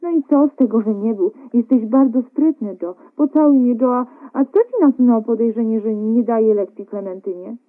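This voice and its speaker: A woman voicing a loving, stubborn young wife, bright and coaxing, on a narrow phone-like radio recording. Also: fairly high pitch, moderate pace, hardly any pauses, close to an everyday voice.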